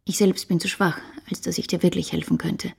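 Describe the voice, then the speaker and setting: A passionate young woman in her twenties in a radio play. Her voice is mellow and breathy, and she talks in an earnest, intimate, pleading way. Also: lowish voice, flat delivery, fairly quick, exaggerated voice. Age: 20s. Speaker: radio drama actress.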